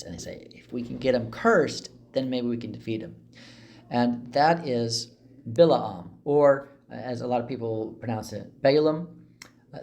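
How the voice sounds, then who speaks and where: A man's voice: medium pitch, a little mellow. Man teaching the Bible, casual asides. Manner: conversational, explains with asides and fillers.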